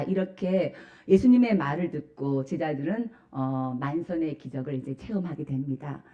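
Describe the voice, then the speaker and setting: A woman pastor delivers an emphatic Sunday sermon, often putting questions to her congregation. Her voice sits low and mellow but rises and falls widely as she preaches. The church recording sounds dull and lo-fi. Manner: asks the congregation rhetorical questions. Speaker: senior pastor. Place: church sanctuary.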